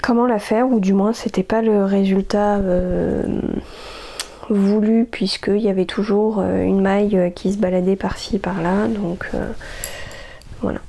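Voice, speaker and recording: A woman's voice: medium pitch, steady tone, unhurried, vocal fry, warm tone. A woman, chatting casually about her knitting projects as host of a crafting podcast, hesitant, with many fillers and restarts.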